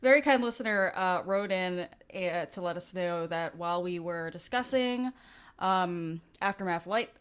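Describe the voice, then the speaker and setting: A woman's voice: on the low side, unhurried, smooth. A woman co-hosting a casual podcast, talking with a slight lisp and plenty of fillers and restarts. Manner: rambling, with many fillers and restarts. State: slight lisp from dental aligners. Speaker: podcast co-host. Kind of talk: casual chat.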